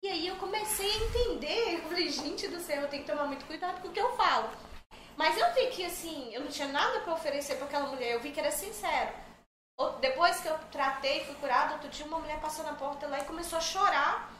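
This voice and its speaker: Speaking fast in a high voice, a middle-aged podcast guest spins stories casually, chatty and joking as an animated storyteller. Faint background noise and room echo can be heard in the recording.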